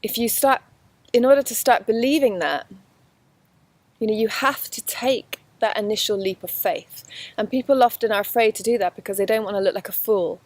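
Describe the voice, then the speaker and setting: A woman's voice: mid-range voice, normal speed, no room sound. Woman, spiritual teacher, earnest flowing speech, repeats and restarts, recorded outdoors in a forest, dry close sound. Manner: earnest, flowing, with many restarts and soft laughs. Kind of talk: spoken course lesson. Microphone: camera facing the speaker.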